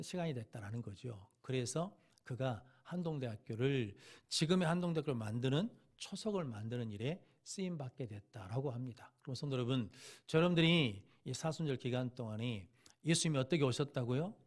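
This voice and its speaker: A man preaching a sermon as pastor, telling stories with acted-out dialogue and swinging between soft asides and loud emphasis. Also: medium pitch. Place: church sanctuary.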